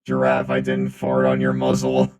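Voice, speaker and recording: A male streamer's casual, rambling chat comes out through a metallic robot voice changer that makes it booming and deep, and he keeps repeating phrases. His delivery stays monotone at a moderate pace, with a darkish tone.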